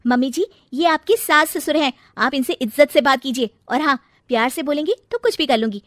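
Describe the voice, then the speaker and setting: A woman voicing a sharp-tongued young daughter-in-law who talks back cheekily in a storybook tale. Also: high-pitched, a little fast, no echo, clean studio sound, pitched above the performer's own voice. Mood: defiant. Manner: cheeky, defiant.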